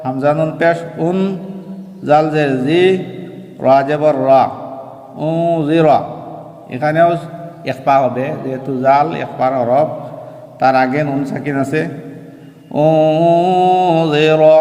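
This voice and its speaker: A man teaching Quran recitation, spelling out each word letter by letter and then chanting it slowly and drawn out. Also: medium pitch, fairly even intonation, darkish tone, muffled recording. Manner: slow and deliberate, chants the words drawn out. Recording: echoey room with long reverb.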